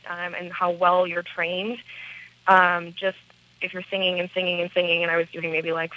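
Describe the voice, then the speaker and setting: An American woman with a smoky, raspy voice, talking casually and candidly as an interview guest, with hesitant phrasing. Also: on the low side, completely flat delivery, moderate pace, dry recording, highs cut off. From small town in central Wisconsin, United States. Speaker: rock band lead singer, interview guest.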